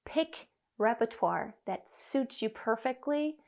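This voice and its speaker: Slow and expressive, her voice sits on the high side with a creaky, darkish tone. She's a woman in her thirties from Germany, a vocal coach delivering an earnest, encouraging singing lesson to camera beside an upright piano in her living room.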